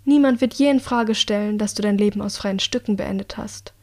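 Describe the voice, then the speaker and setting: A woman reading the part of a calm, coldly menacing young woman, speaking quietly with measured, icy politeness in an audiobook. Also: medium pitch, lightly acted.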